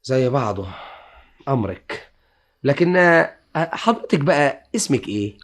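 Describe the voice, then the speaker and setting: An actor with an Egyptian accent playing a meek, exasperated, sarcastic husband in an old radio comedy. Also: male voice, mid-range voice, big pitch swings, moderate pace, reverberant, natural voice. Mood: meek, flustered. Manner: flustered, sarcastic.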